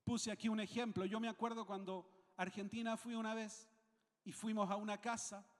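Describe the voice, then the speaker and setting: High-voiced Chilean pastor preaching. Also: male voice, little pitch movement, moderate pace, long reverb tail. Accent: Chilean Spanish. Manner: emphatic, repeats phrases for weight, asks the congregation questions. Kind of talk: sermon.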